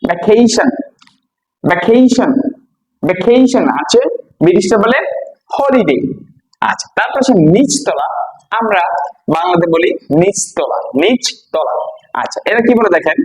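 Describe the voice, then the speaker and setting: His voice sits high and sounds animated, but he is unhurried and takes long pauses. He's an English teacher from Bangladesh running a classroom-style vocabulary lesson, repeating each word and quizzing listeners. The audio quality is poor.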